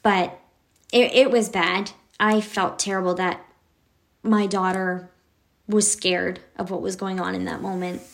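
A woman's voice: medium pitch, flat delivery, unhurried, creaky. A woman in her thirties speaks in a casual personal vlog, open and reflective. She talks as a mother, thinking aloud with small fillers and restarts. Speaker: mother and vlogger.

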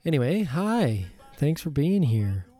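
A man's voice: fairly high pitch, very animated, unhurried, warm tone, soft background music. A man with a slightly froggy, throaty voice hosting a solo podcast in a casual, musing way. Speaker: podcast host.

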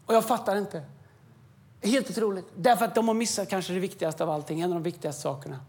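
A man giving an impassioned sermon as a pastor on a church stage, swinging from quiet stretches to shouting. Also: high voice. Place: church stage with music behind.

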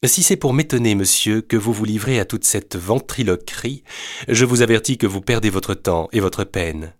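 A man reading aloud, voicing a young deaf-mute woman who explains herself in a crisp, slightly haughty way. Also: mid-range voice, lively intonation, normal speed, close to an everyday voice. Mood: dry, composed. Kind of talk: storybook reading.

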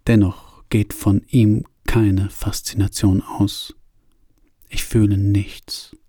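A man narrating a story in a measured, detached way, at times half-whispered. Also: lowish voice, dark tone, no room sound, studio quality. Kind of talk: scripted audiobook narration.

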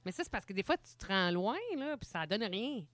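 A woman's voice: mid-range voice, lively intonation, brisk, a bit bright, no room sound. A woman with a Québécois French accent, co-hosting a podcast in chatty casual conversation. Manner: chatty, laughs easily. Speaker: podcast co-host. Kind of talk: casual chat.

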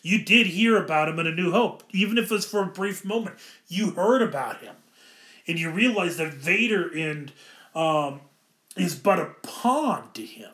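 Enthusiastic high-voiced man reviewing films. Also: expressive, normal speed, fairly bright tone, reverberant. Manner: rambling, enthusiastic, self-correcting. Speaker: film reviewer. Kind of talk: casual film commentary.

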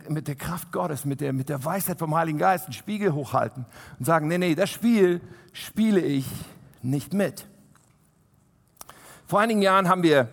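A man preaching a sermon to a congregation. He is animated, swinging from loud emphasis to soft, quiet asides. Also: fairly high pitch, gravelly. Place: church hall. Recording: long hall reverb.

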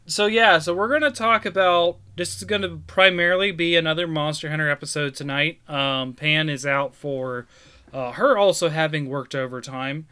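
A man's voice: a little high, normal speed, pushed and bright, smooth. A man hosting a casual gaming podcast, chatting in an informal, conversational way. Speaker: podcast host.

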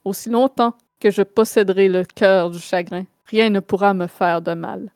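A woman's voice: mid-range voice, steady tone, moderate pace, darkish tone, no echo, studio quality, faint music behind, natural voice. A woman voicing a brooding, possessive male vampire lord in a tabletop game, with solemn, declamatory delivery. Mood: bitter.

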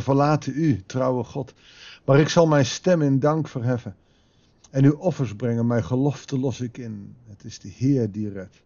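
A man's voice: mid-range voice, vocal fry. Reflective man reading a Bible meditation. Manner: calm, reflective, pausing, rhetorical questions. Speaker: devotional speaker. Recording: dull lo-fi recording.

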